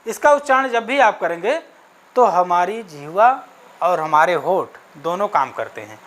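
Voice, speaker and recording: A man's voice: high voice, expressive, moderate pace, fairly bright tone. A man teaching an exam-prep Sanskrit grammar lesson, asking questions and answering them himself, checking in often with "okay", and spelling out sounds one by one.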